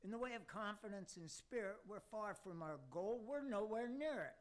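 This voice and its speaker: A man's voice: sits high, expressive, normal speed. A man playing a pompous devil who addresses demons in a formal, oratorical way in an amateur radio play. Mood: stern, pompous. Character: Mephisto, pompous devil chairing a meeting of demons. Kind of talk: amateur radio theater acting.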